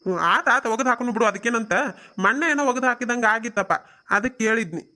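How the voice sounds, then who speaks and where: A woman's voice: a little high, fast. A woman voicing an easygoing, placating village father in a cartoon, with a North Karnataka Kannada accent. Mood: agreeable. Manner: calm, placating.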